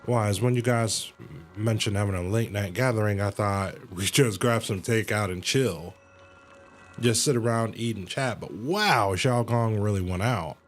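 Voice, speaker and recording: Video game music sits behind this fairly low-pitched male voice speaking at a measured pace. He is livestreaming a game, casually reading out dialogue, reacting in slang, and sometimes stumbling before correcting himself.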